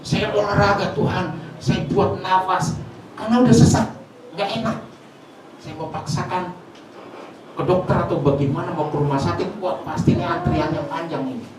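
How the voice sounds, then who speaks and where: A man delivers an emotional sermon as pastor, his voice a little high and swinging from hushed to forceful as he keeps turning to the congregation. He sounds distant from the microphone in a heavily reverberant church hall. A faint hiss of noise sits under the recording. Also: steady tone, moderate pace. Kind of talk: sermon with personal testimony. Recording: very echoey hall, mic far off, faint noise.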